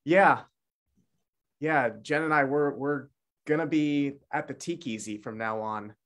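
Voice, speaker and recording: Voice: medium pitch, a little slow, a bit bright. An improv performer in a sitcom scene, talking in a matter-of-fact, dry way.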